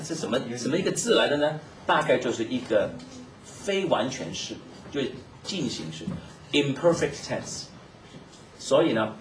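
A man preaching a Bible teaching sermon, explaining in a lively way and mixing in English terms. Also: fairly high pitch. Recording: echoey, distant mic, noisy room.

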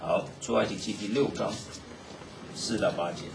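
A man preaching a Bible teaching sermon, explaining in a lively way and mixing in English terms. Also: fairly low pitch, normal speed, creaky. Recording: echoey, distant mic, noisy room.

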